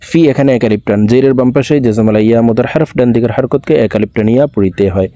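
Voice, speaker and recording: A man's voice: mid-range voice, dark tone, no room sound, highs cut off. A man giving a patient, step-by-step Quran reading lesson, explaining pronunciation rules. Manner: patient, explains pronunciation rules, then recites slowly and drawn out. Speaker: Quran recitation teacher.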